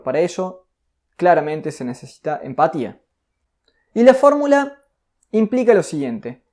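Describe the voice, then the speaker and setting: A man's voice: sits high, a little mellow. Man teaching a course. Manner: explanatory, poses rhetorical questions. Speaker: course instructor. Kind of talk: recorded course lesson.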